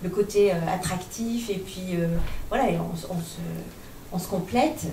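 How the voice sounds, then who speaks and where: A woman on a discussion panel who founded a company, speaking in a measured, hesitant way with many fillers. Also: on the low side, warm tone. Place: conference room. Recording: echoey room, distant mic, faint noise.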